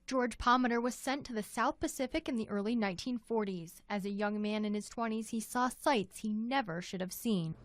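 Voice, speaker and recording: A woman's voice: on the high side, fairly quick, hardly any pauses, dry recording. An American woman reading a scripted news story as a television reporter.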